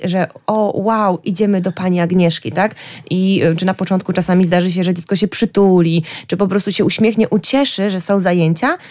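A woman's voice: medium pitch, a little mellow, no echo, studio quality. A woman therapist who explains patiently in an interview, with frequent hesitations. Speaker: child hearing therapist.

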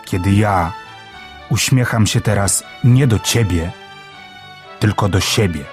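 A man voicing a gruff old male stick insect in a children's storybook reading, speaking in a low, grumbly mumble. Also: slow pace, faint music behind. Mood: subdued.

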